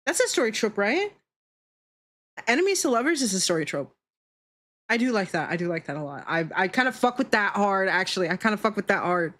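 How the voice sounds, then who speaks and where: A woman VTuber host chats casually on a livestream, her medium-pitched voice sing-song, fairly quick and fairly bright. She gives blunt opinions, swears freely and repeats herself for emphasis.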